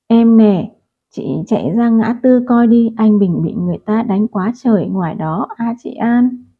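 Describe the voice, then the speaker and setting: A woman's voice: a little high, a little slow, husky. A woman voicing a young male neighbor who urgently brings bad news in a storybook reading. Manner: urgent, breathless pleading. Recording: tinny phone-like audio.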